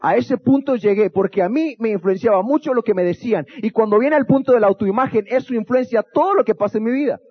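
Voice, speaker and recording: High-voiced man preaching. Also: fast talker, few pauses, breathy edge, highs cut off. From Guatemala. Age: adult, married. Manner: storytelling, acting out quotes with humor. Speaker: youth pastor. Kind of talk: motivational talk to an audience.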